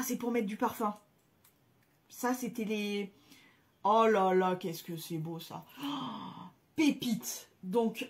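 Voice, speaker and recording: Woman, casual vlogger, breathy husky voice, excitable, slangy, lots of fillers. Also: medium pitch. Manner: gushing exclamations, slangy and chatty; frequent hesitation fillers. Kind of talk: casual chat to camera.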